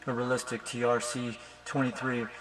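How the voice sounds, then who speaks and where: It's a very noisy amateur recording with a loud hum and steady, loud background noise. Over it, a man with a mid-range voice and moderate pace makes casual, rambling, repetitive talk while testing his radio gear, like a hobbyist showing his setup.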